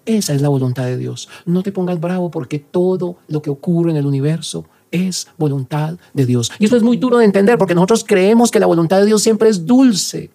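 Fervent male radio preacher with a mellow voice. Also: high voice, creaky. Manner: fervent, slow prayerful pleading, repeated phrases. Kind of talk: radio sermon with guided prayer. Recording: radio studio broadcast.

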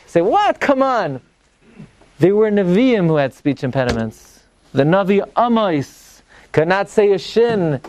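A man with giving an animated religious class as a rabbi, emphatically posing questions and answering them. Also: on the high side, slight background noise. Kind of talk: animated Torah lecture.

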